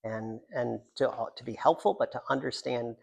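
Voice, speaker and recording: At a live event, a writer reads from his own work in a gravelly, creaky voice of ordinary middle pitch that's a little mellow. He moves at a moderate pace and wanders into rambling, self-deprecating asides, joking as he goes.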